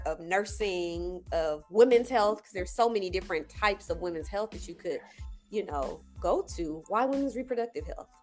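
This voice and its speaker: A woman hosting a podcast, chatting casually and putting questions to her co-hosts. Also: medium pitch. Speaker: podcast host. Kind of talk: casual chat, interviewing co-hosts.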